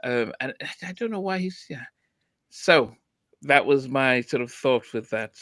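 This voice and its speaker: A man's voice: mid-range voice, animated, measured pace, a bit bright, no echo. A man hosting a podcast, chatting casually about an album with lots of restarts. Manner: hesitant, many restarts and fillers. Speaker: podcast host. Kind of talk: casual music review chat.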